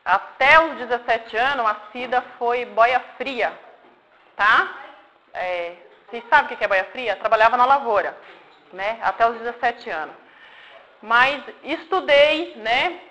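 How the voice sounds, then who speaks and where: A woman in her forties from Paraná, Brazil tells a group of children her life story in an informal talk with audience questions. She keeps things simple and friendly, often checking they follow with "tá?" and "né?". Her voice is a little high, bright and forceful at a measured pace, and the recording is low quality.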